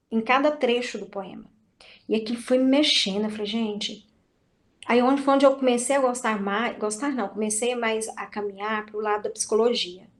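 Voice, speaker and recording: Brazilian dance teacher lady chatting, lively storyteller, acts out quotes, kinda high voice. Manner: animated storytelling, acting out quoted dialogue, frequent restarts. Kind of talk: casual chat.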